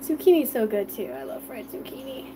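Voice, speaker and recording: A cooking livestream host with children of her own chats with viewers and reads their comments as she fries food in her home kitchen. She sounds animated and fairly quick, her voice a little high. There's noise in the background.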